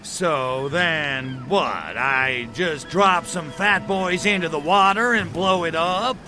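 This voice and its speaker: An actor playing a sarcastic, brash alien invader in a video game. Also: male voice, on the high side, slow, pushed and bright, faint music behind. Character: cocky wisecracking male alien invader, sarcastic and trigger-happy. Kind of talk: video game character acting.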